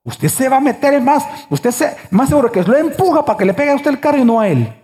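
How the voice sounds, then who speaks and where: A man's voice: very high-pitched, big pitch swings, quick pace, warm tone. A pastor in his forties preaching a sermon, emphatic and full of rhetorical questions to the congregation.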